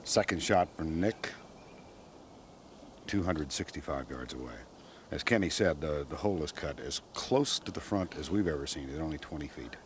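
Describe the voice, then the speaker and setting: A man giving live golf broadcast commentary in measured, clipped phrases with pauses. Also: a bass voice, lively intonation. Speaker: golf commentator, lead announcer on a hole. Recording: crowd and outdoor noise behind broadcast. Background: golf course crowd and outdoor ambience.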